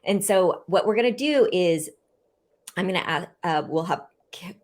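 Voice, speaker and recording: A woman's voice: lowish voice, expressive, normal speed, a little mellow. A woman hosting an online interview over a video call, welcoming and eager, with some fillers. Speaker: host.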